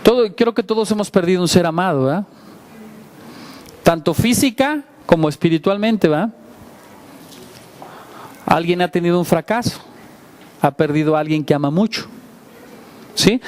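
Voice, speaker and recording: A man delivers a sermon in a fairly high-pitched voice. He preaches in a conversational way, asking his congregation questions and joking about his own stumbles. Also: darkish tone. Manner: self-deprecating asides. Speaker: pastor.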